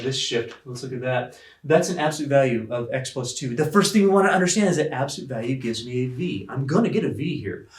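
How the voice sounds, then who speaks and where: Animated man lecturing at a whiteboard. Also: medium pitch. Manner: animated, emphatic, acts out questions to the class. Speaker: math professor. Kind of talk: classroom lecture. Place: classroom at a whiteboard. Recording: roomy classroom with some distance.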